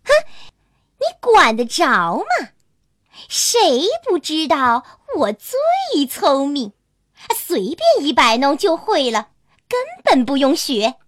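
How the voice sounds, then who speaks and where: A woman's voice: high-pitched, sing-song, takes it slowly, no echo, clean studio sound, full character voice. Woman doing a boastful selfish fox. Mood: bossy. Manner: boastful, bossy, snappy. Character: proud, selfish male fox. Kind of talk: children's storybook narration.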